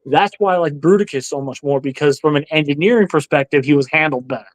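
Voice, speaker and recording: A man's voice: fairly high pitch, fast talker, dry recording, rough recording. A man filling in as co-host, chatting casually in a live discussion and giving blunt, opinionated takes with frequent laughter. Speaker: stand-in co-host.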